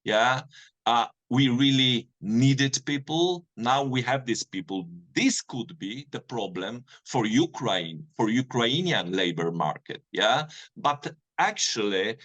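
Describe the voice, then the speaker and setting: A man from Poland with a Polish accent giving unscripted interview answers, speaking haltingly and often tagging phrases with a questioning "yeah". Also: medium pitch, expressive, a bit bright, muffled recording. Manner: halting, hesitant delivery with frequent "yeah?" tags. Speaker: war correspondent being interviewed.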